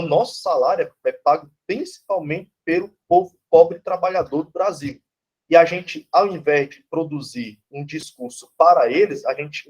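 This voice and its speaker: This man's pitch is fairly high and his voice a little mellow. He's a Brazilian philosophy professor giving a conversational, no-nonsense lecture, dropping the odd swear word and tagging his lines with "né?" and "tá certo?".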